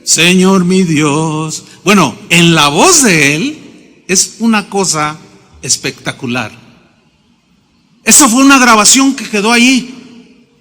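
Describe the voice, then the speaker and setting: A middle-aged pastor preaching in a large hall, his high, bright voice ringing with a long reverb. He tells stories with emphasis and acts out the quotes in his own voice. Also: sing-song, slow, pauses often. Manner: emphatic, storytelling with acted quotes. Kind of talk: sermon.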